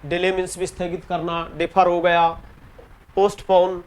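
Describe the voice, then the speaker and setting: Indian guy teaching english phrasal verbs, pretty high voice, drags out the example sentences, keeps saying theek hai. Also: completely flat delivery. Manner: explains in Hindi, reads English example sentences slowly and deliberately; repeats key words and ends points with "theek hai". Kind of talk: exam-prep grammar lesson.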